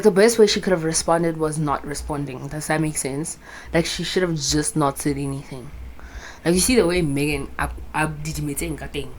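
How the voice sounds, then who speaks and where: A deep-voiced South African woman in her twenties vlogs to camera, rambling casually, swearing without restraint, and slipping in local terms. The recording is rough, made on a phone camera with a small clip-on mic, with slight noise behind her.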